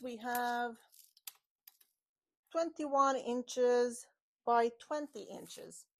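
Explaining as she works with her hands, a woman in her forties who hosts a woodworking channel talks through a build step by step in a chatty, casual way, voice slightly high. She handles boards and glue in her home workshop, garage door open, recorded by a small clip-on mic on her shirt.

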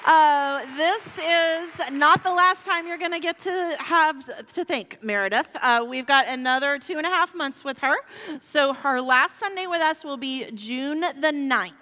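A woman's voice: high-pitched, measured pace, bright, forceful tone. A middle-aged woman pastor giving church announcements and a call to worship, emotional and laughing at times. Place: large church sanctuary. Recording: long reverb of a large sanctuary, far from mic.

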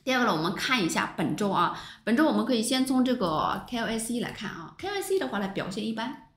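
A woman teaches a stock market class over chart screens. Her pitch swings widely and she keeps throwing rhetorical questions at her viewers. The sound has a roomy echo around it. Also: big pitch swings, fast. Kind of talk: livestream stock chart lesson.

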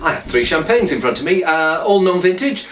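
A man's voice: a little high, very animated, brisk, fairly bright tone, soft background music. A man, a wine critic, chatting casually as he tastes wines, with many hesitant fillers. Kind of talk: casual wine tasting talk. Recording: echoey room, a bit far from mic.

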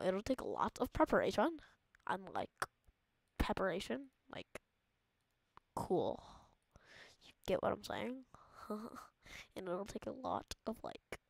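A woman's voice: medium pitch, creaky, a little mellow, dry recording. A woman giving playful, jokey let's-play commentary, mock-dramatic and often dropping into a whisper. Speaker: gamer.

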